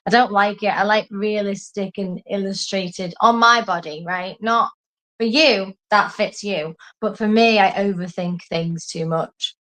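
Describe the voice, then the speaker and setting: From an English family and a former resident of Singapore, this co-host spins rambling, animated tales in a casual chat, laughing at herself and swearing a bit. Her voice is medium-pitched and unhurried, captured on a low-quality recording.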